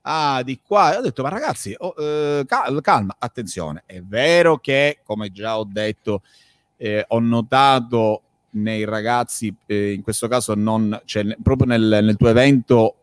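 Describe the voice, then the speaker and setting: A man with a Sicilian Italian accent chatting casually about fights in an animated, slangy storytelling manner. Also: lowish voice, no echo.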